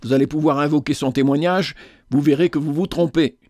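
A calm, measured older estate master and protective father, spoken by a male reader in nearly his own voice. Even and composed, with a dry, close sound. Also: fairly high pitch, no room sound, close to an everyday voice. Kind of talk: storybook reading.

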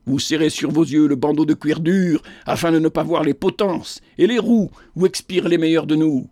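A man's voice: on the high side, normal speed, dark tone, no room sound, studio quality, natural voice. A man reading a fiery old prophet. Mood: accusing. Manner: impassioned preaching tirades.

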